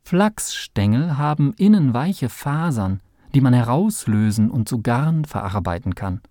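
A man's voice: medium pitch, very animated, unhurried, dark tone, no echo, clean studio sound. A man voicing a patient female professor in a storybook reading, explaining kindly.

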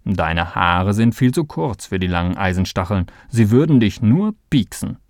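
A man voicing a calm, sensible male helper in a storybook reading, reassuring and firm. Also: fairly low pitch, moderate pace, no room sound, clean studio sound.

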